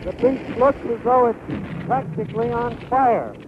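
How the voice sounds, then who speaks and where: A man's voice: very high-pitched, unhurried. An old wartime field recording of a male combat correspondent giving urgent live commentary from a beach landing. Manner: urgent, reporting on the spot. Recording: muffled noisy 1940s field recording. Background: gunfire and artillery.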